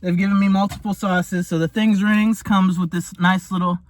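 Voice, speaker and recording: A young man with a high-pitched voice tastes fast food on camera. He gushes in casual slang and sometimes talks with his mouth full. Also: no room sound. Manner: excitable, slangy, gushing; talks while eating. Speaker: food reviewer. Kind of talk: casual taste-test vlog.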